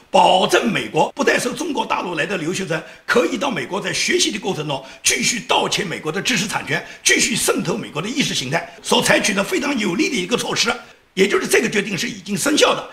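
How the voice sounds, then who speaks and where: Animated, sarcastic male political commentator. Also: high voice, reverberant. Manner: sarcastic, scornful, emphatic; laughs mid-sentence while talking.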